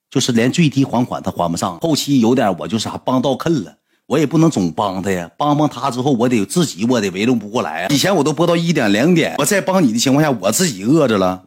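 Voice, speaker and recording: A man, telling a story to his livestream audience in a blunt, animated way and swearing freely. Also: medium pitch, husky. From Northeast China.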